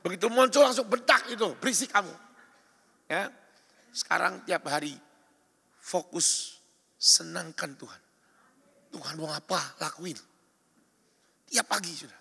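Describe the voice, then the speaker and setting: A man preaching a sermon as pastor, emphatic and exhorting, shifting between loud calls and quiet asides. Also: sits high, unhurried, gravelly, pauses often, slightly rough. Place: church or retreat hall. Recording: reverberant hall recording.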